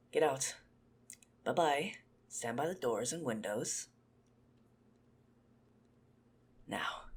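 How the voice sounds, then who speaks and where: In an ASMR roleplay, a man plays a teasing, possessive, menacing vampire, mocking and condescending in a smug tone. His mid-range voice is husky, breathy, and gravelly, exaggerated, and frequently sinks to a whisper.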